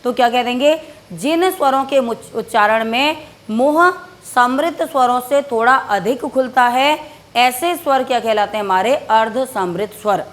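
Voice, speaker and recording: A woman teacher giving a grammar lesson, asking and answering her own questions and slowing down to dictate notes. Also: on the high side. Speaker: Hindi teacher. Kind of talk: classroom-style grammar lesson.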